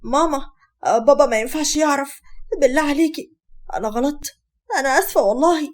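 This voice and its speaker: Storybook figure: a woman playing a cornered young Egyptian wife, desperate, high and fast. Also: close to an everyday voice. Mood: pleading. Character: young Egyptian wife, defiant then pleading.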